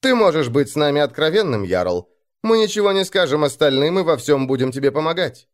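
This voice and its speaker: Хитрый викинг-воин, которого играет мужчина, говорит вкрадчиво, почти мурлыча. Интонация гибкая, с живыми подъёмами голоса. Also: male voice, on the high side, sing-song, fairly quick, voice pushed up. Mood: sly coaxing. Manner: purring, wheedling. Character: sly male Viking warrior, ingratiating and mocking.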